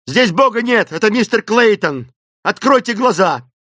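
A young gentleman shouts with urgent force, his voice lifted high and loud above the reader's usual register, as a man acts him out. The sound is close and dry, like a storybook read right into the mic. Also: lively intonation, moderate pace, no echo, exaggerated voice. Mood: urgent shouting. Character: young Englishman, urgent and commanding in a crisis.

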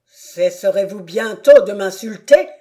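A woman's voice: medium pitch, unhurried, dark tone, lightly acted. A woman voicing a proud, furious aristocratic father who thunders accusations at his son in an audiobook.

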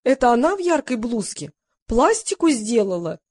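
A woman's voice: a little high, very animated, normal speed, a little mellow, no echo, clean studio sound. Woman doing a muddled vain old crooner. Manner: confused, self-important. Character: vain elderly male pop-singer deputy, muddled.

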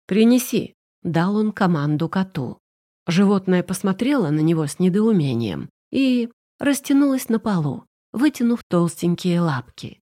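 Mellow, husky woman narrating. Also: lowish voice, very animated, normal speed. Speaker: audiobook narrator. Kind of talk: scripted narration.

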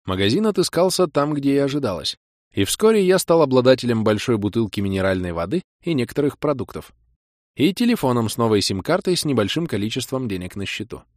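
A man's voice: medium pitch, very animated, fast talker, no room sound, studio quality. A young man narrating a first-person audiobook with a wry, self-ironic tone.

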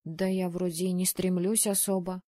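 A woman reading a first-person audiobook in a lively, expressive way. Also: fairly low pitch, normal speed, no room sound, studio quality. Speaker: audiobook narrator.

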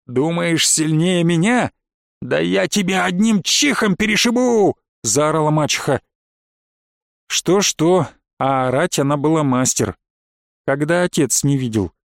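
A man reads a first-person audiobook in a measured, dramatic storytelling manner. His voice sits somewhat high for a man, and the recording is dry and close, with no room sound at all. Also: a little mellow, dry recording. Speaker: narrator.

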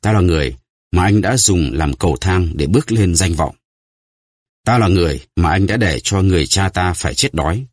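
A man voicing a stern, vengeful nobleman who speaks gravely and with command, in a deep husky voice. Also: animated, no echo, studio quality. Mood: solemn. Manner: grave, measured.

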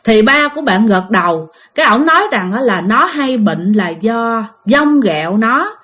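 A woman with a Southern Vietnamese accent telling a ghost story in an animated way, addressing her listeners directly. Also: on the high side, normal speed. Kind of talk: spoken ghost story narration.

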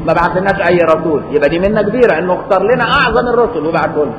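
A man's voice: high voice, highs cut off, a loud crowd. A man with an Egyptian accent teaching a classical religious text, explaining with rhetorical questions and repetition. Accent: Egyptian Arabic. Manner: chants Quran verses slowly. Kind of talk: classical text lesson in Egyptian colloquial Arabic. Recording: echoey hall with faint noise.

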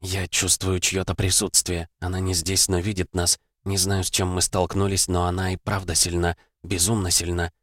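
A man voicing a frightened young woman who speaks in a hushed voice. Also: deep voice, monotone, moderate pace, hardly any pauses, no room sound, studio quality. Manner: hushed, fearful. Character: frightened young woman sensing evil, whispering.

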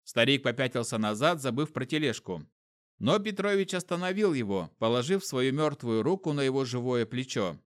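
A man narrating a fantasy novel as an audiobook reader, lively and expressive. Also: mid-range voice, normal speed.

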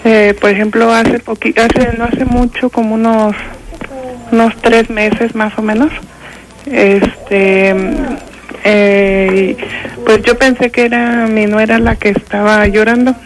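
A woman's voice: a little high, flat delivery, a crowd in the background, poor audio. Hesitant older Mexican woman caller. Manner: halting, full of fillers and restarts. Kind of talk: telling a ghost story on a radio call-in.

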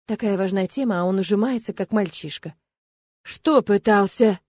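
A woman reading a first-person romance audiobook in an expressive, ironic way. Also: mid-range voice, quick pace, husky. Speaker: audiobook narrator.

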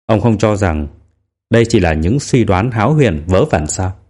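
A man reads as a young man in an audiobook, earnest and a bit guarded, with a somewhat low voice. He speaks plainly and carefully, weighing each word. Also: lively intonation, moderate pace, darkish tone, slightly rough. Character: young man, wary and candid. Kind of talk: audiobook character reading.

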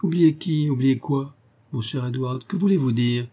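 A man voicing a disdainful, jaded young gentleman who speaks with mocking indifference. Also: medium pitch, normal speed, close to an everyday voice. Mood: sneering. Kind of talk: audiobook character voice.

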